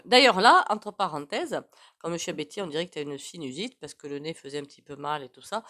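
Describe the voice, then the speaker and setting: A woman with a blocked, stuffy nose from a cold, chatting casually to her channel viewers, rambling and often clearing her throat. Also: low voice, fairly bright tone. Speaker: tarot reader and channel host.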